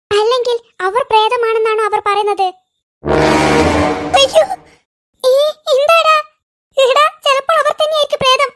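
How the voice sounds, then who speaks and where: Squeaky, jittery cartoon kids. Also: a bit bright. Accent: Malayali. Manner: fast, squealing chatter with frightened wails. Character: squeaky young cartoon boys, jittery and scared. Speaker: cartoon voice artist. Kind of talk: cartoon voice acting.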